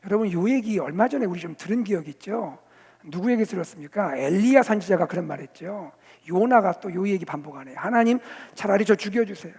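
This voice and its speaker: A male senior pastor preaching a sermon, telling the story vividly, rising to loud emphasis and dropping to near-whispers. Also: high-pitched, expressive, brisk, husky. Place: church sanctuary. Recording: long reverb of a church hall.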